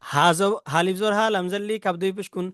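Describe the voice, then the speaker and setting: A man with a Bangladeshi accent teaching Quran reading rules, spelling out Arabic letters and vowel marks in slow, repetitive drills. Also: sits high, steady tone, fairly bright tone, dry recording, clean studio sound.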